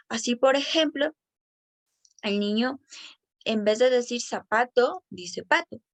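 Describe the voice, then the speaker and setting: Woman explaining speech development, gravelly tone. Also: fairly high pitch, no room sound. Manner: careful, explanatory, slows down on example words. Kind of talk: reading an educational presentation.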